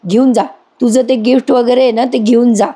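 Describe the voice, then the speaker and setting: A woman's voice: fairly high pitch, fairly even intonation, a little fast, husky, voice pushed up. A woman reading an angry father-in-law. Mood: indignant. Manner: indignant, shouting at a guest.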